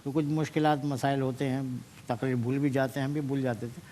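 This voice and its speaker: A man's voice: mid-range voice, fairly even intonation, dark tone, a little hiss or hum. A man, a senior judge, reflectively explaining word meanings to students and slipping into English phrases. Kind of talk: giving feedback to students. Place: TV studio.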